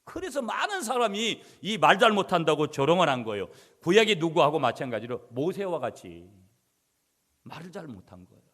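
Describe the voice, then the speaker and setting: A middle-aged man preaching a sermon as pastor, swinging between loud emphatic passages and quiet asides to the congregation. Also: on the high side, very animated, a little fast. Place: church sanctuary. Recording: church hall reverb.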